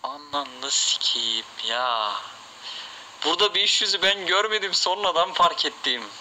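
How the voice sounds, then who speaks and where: A man's voice: fairly high pitch, expressive, unhurried, sharp tone, a little hiss or hum, poor audio. A man streaming slot games live, reacting with constant cursing and frustrated outbursts.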